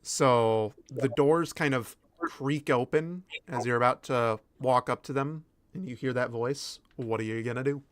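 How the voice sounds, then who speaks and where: A man narrating a tabletop game as game master, improvising haltingly with pauses mid-phrase. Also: mid-range voice, no echo.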